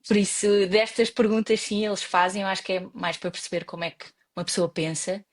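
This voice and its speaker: A woman's voice: medium pitch, fairly even intonation, fast. A young Portuguese woman with a European Portuguese accent, chatting as an interview guest, often restarting her sentences. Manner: hesitant, many restarts and fillers. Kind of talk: casual interview conversation.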